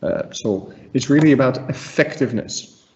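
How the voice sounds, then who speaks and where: A man's voice: medium pitch, expressive, normal speed, creaky, a little mellow. A middle-aged man with a Dutch accent gives a conversational slide presentation as a trainer, emphatic and repeating words for stress. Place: living room at home. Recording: slightly dull webinar audio.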